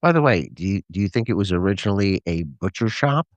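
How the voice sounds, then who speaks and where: A man co-hosting a podcast, chiming in with quick quips and easy laughter in casual chat. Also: low-pitched, lively intonation, dry recording. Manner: chimes in with quips, laughs easily. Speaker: podcast co-host.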